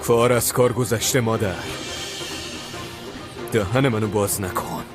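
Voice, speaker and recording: A man's voice: lowish voice, fairly even intonation, music in the background, close to an everyday voice. An actor voicing a hot-tempered brother who barks harsh commands at his family in a dubbed TV drama. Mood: furious.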